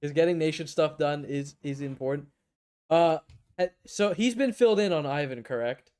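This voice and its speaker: A man's voice: a little high, normal speed, a little mellow, clean tone. A man talking casually with friends during an online tabletop game, blunt and teasing.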